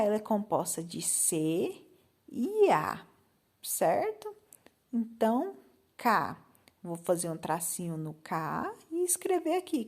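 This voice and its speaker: Slow, patient Brazilian woman teacher. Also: a little high. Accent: Brazilian Portuguese. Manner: slow, patient, spells out letters and checks with "certo?". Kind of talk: recorded remote lesson for fifth graders.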